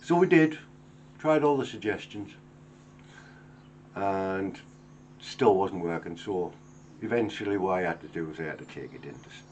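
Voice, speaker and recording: A man's voice: low-pitched, expressive, normal speed, a little mellow, dull audio. Guy in his 50s, earnest and down to earth, chatting to camera in his workshop, bit of faint background noise. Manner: earnest, plain-spoken, acts out everyday dialogue. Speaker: woodworker. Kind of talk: reflective talk to camera. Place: home workshop.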